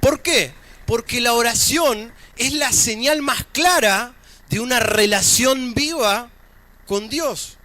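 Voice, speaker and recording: Man, argentine accent, preacher, sermon, very high voice, conversational. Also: slow pace, bright, forceful tone, dry recording. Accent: Argentine Spanish. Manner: conversational, joking asides between scripture readings. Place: church service.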